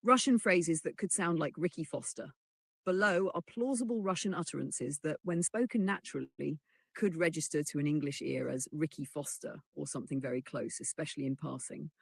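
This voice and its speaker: Text-to-speech narrator for a chatbot answer, husky and gravelly, measured explainer read, dry close sound. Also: medium pitch, no room sound. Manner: measured, even explanatory delivery that reads punctuation aloud. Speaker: AI assistant reply read aloud. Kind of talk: synthetic voice reading a chatbot answer.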